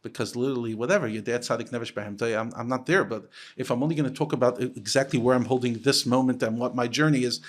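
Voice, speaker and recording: A man from the United States who works as a rabbi, talking as a guest on a podcast. He speaks in an animated, unscripted way, often restarting his sentences and repeating words. His pitch sits in a plain middle range. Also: quick pace, hardly any pauses. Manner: animated, lifts his pitch sharply when quoting others. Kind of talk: casual podcast conversation.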